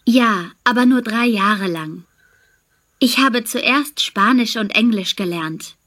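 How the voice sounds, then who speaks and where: A cheerful young au pair talks about her work and plans in a clear, careful and friendly way, as voiced by a woman. She speaks at a natural pitch and pace. The recording is a scripted language-exam dialogue. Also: slow, fairly bright tone. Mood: pleasant. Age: young adult.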